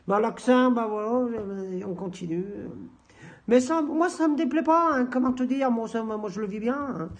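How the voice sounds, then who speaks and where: A man's voice: extremely high pitch, expressive, normal speed. A man leaving a comedic video message in character as a rapper, rambling and stammering in slangy speech.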